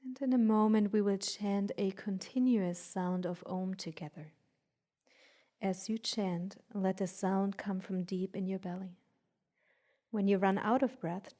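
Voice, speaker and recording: A woman guides a meditation in a soft, breathy, medium-pitched voice. Her short instructions come slowly and soothingly, with long pauses between them.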